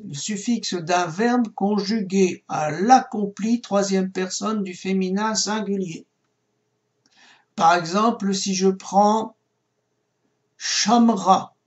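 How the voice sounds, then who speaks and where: Slow, patient man teaching Hebrew grammar. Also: sits high. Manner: slow, patient, spelling out words. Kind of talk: recorded lesson.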